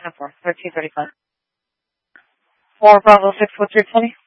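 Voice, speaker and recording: A man's voice: high voice, moderate pace, no echo. A man working as a police dispatcher, reading off terse radio codes in a clipped, businesslike way over a two-way radio. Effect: two-way radio transmission. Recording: dull dry radio audio.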